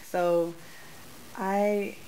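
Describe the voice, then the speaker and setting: A young woman from the United States reading her poems at a bookstore into a stand mic, soft and measured, with hesitant spoken asides. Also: mid-range voice, flat delivery, a little hiss or hum, poor audio. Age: young adult. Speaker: poet. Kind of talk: poetry reading with spoken remarks. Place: small bookstore, indoors. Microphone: stand mic in front of her.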